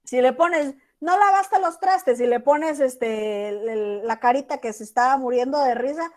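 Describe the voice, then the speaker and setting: A woman's voice: a little high, normal speed, mellow. A woman teacher with a Mexican accent giving an online class, talking casually and acting out example text messages. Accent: Mexican Spanish.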